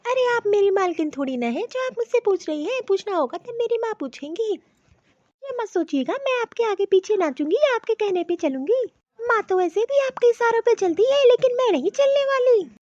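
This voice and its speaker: A woman voicing a defiant, sharp-tongued young daughter in a cartoon, speaking scornfully. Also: very high voice, lively intonation, moderate pace, no room sound, lo-fi sound. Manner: scornful, complaining. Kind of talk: Hindi cartoon voice acting.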